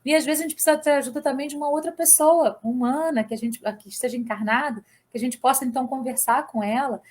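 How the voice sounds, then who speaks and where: Brazilian woman, high voice, chatty reflective tone, lots of little fillers. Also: steady tone, fast, a little mellow. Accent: Brazilian Portuguese. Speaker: study group speaker. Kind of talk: reflective casual talk.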